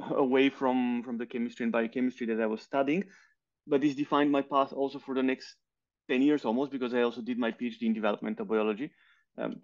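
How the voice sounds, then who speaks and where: A man in his thirties from Bulgaria talks through his path as a guest on a video call, thoughtful and with soft laughs between points. His voice sits at an ordinary middle pitch. The headset audio comes through somewhat muffled. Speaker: guest, scientist. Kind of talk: casual interview chat.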